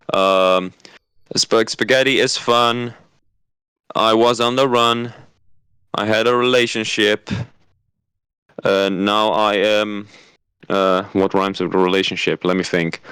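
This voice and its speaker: A man with a fairly low, slightly bright and smooth voice, recorded with no echo, performs an improvised comedy skit as Freddy, an awkward, clueless amateur singer. He hesitates, stops and starts, and invents clumsy rhymes on the spot.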